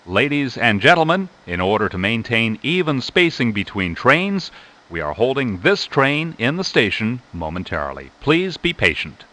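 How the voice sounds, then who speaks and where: A man giving formal, measured recorded transit service announcements. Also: medium pitch, very animated, pushed and bright. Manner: formal, measured public-address delivery. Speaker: train announcer. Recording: noisy recording inside a train. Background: train vehicle noise.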